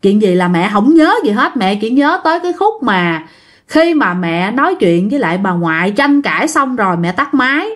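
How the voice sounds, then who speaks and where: A woman's voice: mid-range voice, very animated, normal speed. A woman casually telling a ghost story, chatting directly to her listeners.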